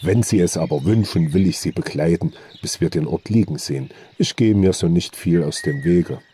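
A man's voice: low-pitched, moderate pace, mellow, a little hiss or hum, lightly acted. A man reading an audiobook, voicing a good-natured old male forest hunter with folksy, earthy speech. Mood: calm.

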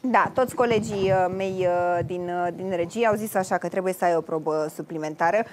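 A woman hosting a lively TV show, cheering contestants on and talking with many fillers. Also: lowish voice, slight background noise. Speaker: TV show host.

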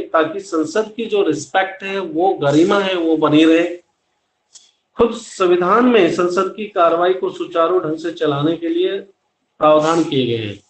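Middle-aged male teacher, echoey room. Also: high-pitched. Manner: explanatory, mixes English terms into Hindi, addresses students directly. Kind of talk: online class lecture. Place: small room at home with plain wall, indoors. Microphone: laptop webcam at close range. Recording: echoey room with faint background hiss.

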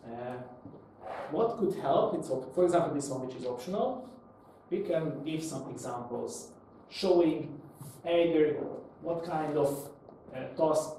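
A man lectures live on a technical topic in a small meetup room, his seated audience listening as he poses questions and answers them in non-native English phrasing. His voice is on the high side and mellow, with lively intonation, a measured pace and long pauses. The room is echoey, the mic distant, and there's faint noise.

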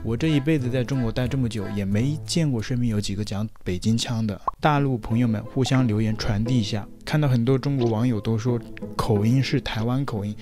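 A man's voice: medium pitch, brisk, over music. A young man from mainland China who speaks Mandarin with a Taiwanese accent, sarcastically reading out and mocking hostile viewer comments. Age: young adult. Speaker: YouTuber guest.

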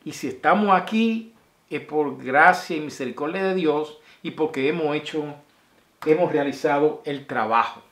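A man's voice: fairly high pitch, moderate pace, fairly bright tone. A man, talking casually and affectionately to his viewers in a video message, rambling and sending blessings from a small room at home. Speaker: vlogger. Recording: roomy echo.

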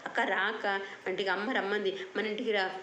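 An innocent, stubborn little village boy , voiced by a storytelling woman pleads insistently, the words tumbling out fast. His begging rings in a roomy space with a faint hiss underneath. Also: medium pitch, steady tone, fairly bright tone, lo-fi sound, lightly acted. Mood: pleading.

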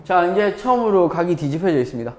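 A man's voice: high voice, sing-song, fast talker. A man teaching a live math class, quizzing students and checking in with them constantly. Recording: echoey classroom.

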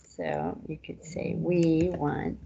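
A woman's voice: low-pitched, level tone, slow, vocal fry, lo-fi sound, background noise. A woman teaching a language class online, patiently explaining grammar step by step.

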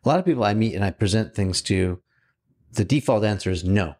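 A man's voice: lowish voice, lively intonation, fairly quick, darkish tone. A man hosting a business podcast, encouraging his guest and reflecting on what he hears, often with short affirmations. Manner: encouraging, reflective, with many backchannels. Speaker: podcast host. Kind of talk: podcast interview.

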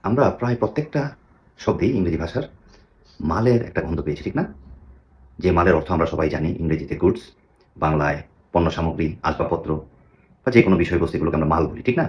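A man with a very low voice gives a pronunciation lesson. He asks rhetorical questions and repeats each model word several times for his listeners. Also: fast talker, pauses often, dull audio. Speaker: English pronunciation teacher.

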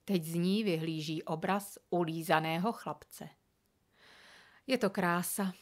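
A woman reading a children's story aloud with expressive, animated narration. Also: lowish voice. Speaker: reader.

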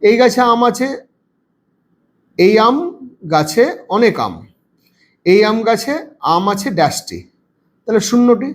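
A man's voice: sits high, lively intonation, unhurried, long pauses. A man with a Bengali accent teaching a children's lesson, patiently spelling out words letter by letter and counting aloud. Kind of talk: reading lesson for young children.

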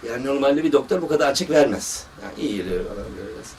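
A man's voice: medium pitch, racing. A man, a surgeon, giving a religious talk and telling stories from his work, quoting people as he goes. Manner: storytelling, lively quoting of others. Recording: distant mic with faint background noise.

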